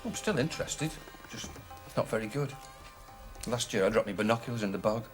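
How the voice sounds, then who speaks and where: A man's voice: mid-range voice, expressive, brisk, natural voice. An actor playing a mild, cautious, homely man, earnest and hesitant in natural TV comedy-drama dialogue. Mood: flustered, rueful. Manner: hesitant, earnest, mildly fussy. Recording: music behind the dialogue.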